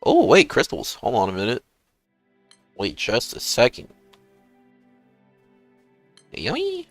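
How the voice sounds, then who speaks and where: Animated young gamer-bro guy streaming. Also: fairly low pitch, moderate pace, no echo, soft background music. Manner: hyped gamer-bro slang, swearing, peppering talk with "bro" and "dude". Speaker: game streamer. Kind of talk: casual livestream chat and gaming commentary.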